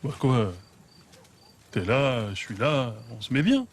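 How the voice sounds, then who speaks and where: Cocky, wildly animated city guy. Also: mid-range voice, slow, a little hiss or hum. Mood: flirty, casual. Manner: slangy, casual, griping. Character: cocky, grumbling modern city guy trapped as slave. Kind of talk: film comedy acting.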